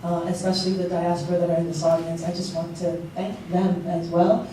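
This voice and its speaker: A Liberian woman gives earnest panel remarks to a packed event room, talking fairly quickly with many ums and restarts. Her voice is fairly low and dark, her delivery flat. The large hall is echoey, she's picked up from far off, and a little hiss or hum is present.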